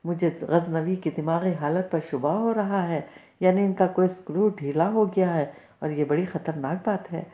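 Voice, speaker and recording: Brief: a woman reading as a cheeky, defiant young woman in an audiobook novel, low mellow tone, echoey dull recording. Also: hardly any pauses, close to an everyday voice. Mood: mocking. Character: bold sharp-tongued young woman, defiant.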